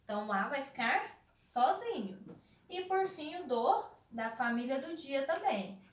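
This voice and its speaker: A Brazilian Portuguese woman gives a literacy lesson to young children. Her voice sits high and swoops widely as she draws out each word slowly. She asks questions and answers them herself, and the room has a noticeable echo. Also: lively intonation, slight background noise. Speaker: primary school teacher.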